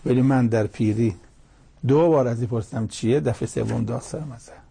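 A man voicing a gentle, hurt old father in a story within his sermon, speaking slowly, tenderly and with reproach. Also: mid-range voice, vocal fry, slightly rough. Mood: tender, reproachful.

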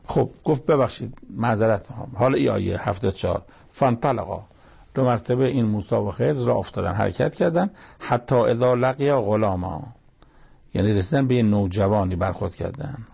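Man, religious teacher, gravelly, husky, short measured phrases, verse-by-verse lesson. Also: fairly low pitch, warm tone. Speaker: Quran commentator.

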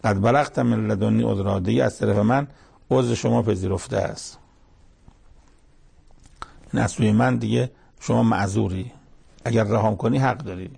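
A man's voice: on the low side, fairly even intonation, vocal fry, long pauses, darkish tone, breathy edge. A man giving short verse-by-verse Quran commentary, telling the scripture story plainly with everyday sayings. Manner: plain storytelling with colloquial asides.

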